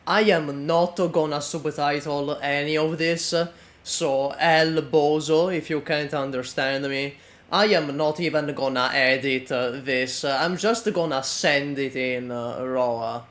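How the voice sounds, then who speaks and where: A man giving unscripted reaction commentary in a halting, deadpan manner. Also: on the high side.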